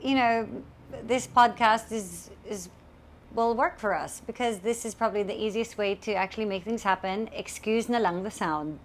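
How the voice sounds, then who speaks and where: A woman's voice: mid-range voice, moderate pace, a little hiss or hum. A woman in her thirties from Australia, co-hosting a casual home podcast, playful and mixing English with Filipino, on a lapel mic. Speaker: podcast co-host. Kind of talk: casual chat. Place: home in a busy city district.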